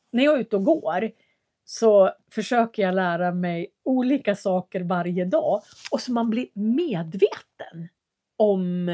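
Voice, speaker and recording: A woman teaching in a live lesson, answering viewers and speaking clearly, with careful articulation and a patient, explanatory manner. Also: mid-range voice, a little mellow. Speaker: Swedish teacher.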